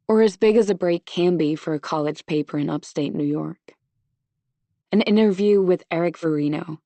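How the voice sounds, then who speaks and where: A woman reading a first-person audiobook in a measured storytelling manner on a close studio mic. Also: low-pitched, mellow, no echo. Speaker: audiobook narrator. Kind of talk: scripted first-person narration.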